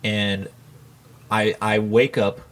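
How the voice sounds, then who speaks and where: A man co-hosting a podcast, telling a story in a halting, trailing way. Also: lowish voice, little pitch movement, a bit bright. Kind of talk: casual chat.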